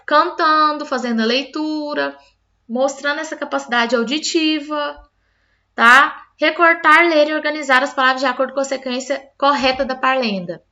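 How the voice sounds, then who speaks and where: A woman's voice: sits high, moderate pace, pushed and bright, dull audio. A woman teacher explaining a lesson patiently, step by step, often checking in with her listeners. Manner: patient, explains step by step with frequent "tá?" tag questions.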